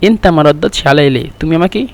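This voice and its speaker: Man teaching in a slightly high voice. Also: a little mellow. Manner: explains patiently, repeats phrases slowly to drill pronunciation; conversational, chatty teaching tone. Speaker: Arabic language teacher. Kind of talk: casual spoken lesson.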